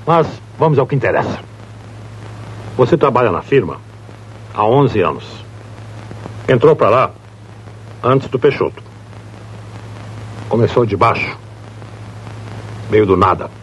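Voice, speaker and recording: A man's voice: medium pitch, expressive, measured pace, pauses often, dull audio, slight background noise, close to an everyday voice. An actor playing a domineering, wealthy boss and father who mocks and orders around his employee. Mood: mocking. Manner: mocking, bossy, theatrical.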